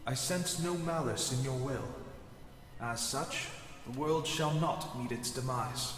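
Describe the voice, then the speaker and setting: A man's voice: medium pitch, takes it slowly, a bit bright, faint music behind. A man playing a solemn otherworldly harbinger of judgment in a video game, speaking in formal, grandiose pronouncements. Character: solemn male otherworldly harbinger who judges the world. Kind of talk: scripted video game acting. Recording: echoey hall-like reverb.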